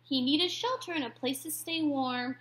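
A woman voicing a kind, caring female beach educator in a storybook read-aloud, speaking softly and gently. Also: high-pitched, normal speed, a little hiss or hum. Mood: gentle.

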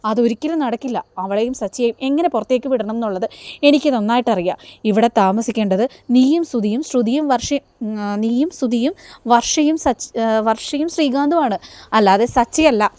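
A stern, domineering matriarch who scolds sharply, as a woman reads her lines in a recap. The voice is fairly high. The sound is dry and close. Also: moderate pace, mellow, dry recording, lightly acted. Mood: scolding. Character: stern scolding middle-aged mother-in-law.

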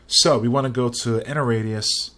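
A young man hosting a screen-recorded software tutorial, talking casually and rambling, often restarting his phrases. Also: mid-range voice, steady tone, moderate pace.

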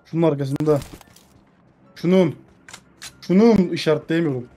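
A woman gaming YouTuber chatting casually during gameplay, often shouting in exasperation. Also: low voice, normal speed, soft background music.

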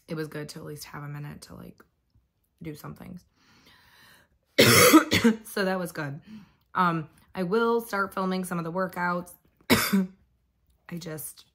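Hoarse lady vlogging from home, coughy husky voice, kinda low, rambles on. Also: a bit bright. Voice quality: husky, lost voice. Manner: chatty, rambling with fillers. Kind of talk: casual vlog chat.

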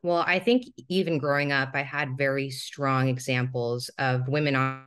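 Calm, reflective thirty-year-old woman. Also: a bass voice, normal speed. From Singapore. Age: 30s. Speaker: podcast guest. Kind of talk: remote interview. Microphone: video call.

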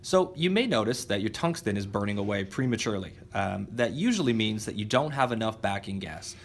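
A man with a fairly low voice walks through a welding fix step by step. He talks plainly and practically, with a faint hiss in the background. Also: lively intonation, a little fast. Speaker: welding instructor. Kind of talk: instructional demonstration. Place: welding workshop.

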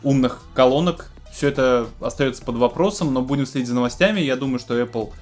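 A man in his thirties presents music technology news from a small home studio full of keyboards. His delivery is casual and semi-scripted, medium in pitch and quick in pace.

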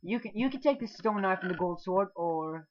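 Excitable young man gaming, lo-fi mic. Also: high voice, normal speed, crowd noise. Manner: excitable, swears, yelps when startled. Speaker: gaming channel host. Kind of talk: casual let's play chatter. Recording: dull lo-fi mic.

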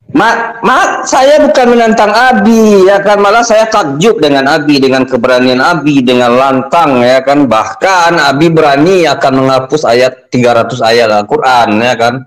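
A man in a religious debate, calmly questioning and often seeking agreement. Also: on the high side, normal speed, hardly any pauses, rough recording. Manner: questioning, keeps saying "ya kan". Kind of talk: heated debate.

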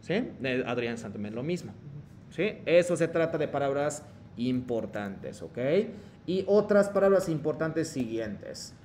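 A man teaching an online class, with halting phrasing and many fillers. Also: medium pitch, big pitch swings, darkish tone, slight background noise. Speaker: Japanese teacher.

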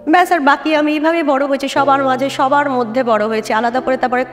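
A middle-aged woman with a Bengali accent, reminiscing in a relaxed talk-show conversation with many hesitations and restarts. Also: sits high, fast, big-room sound, faint music behind. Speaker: guest dancer.

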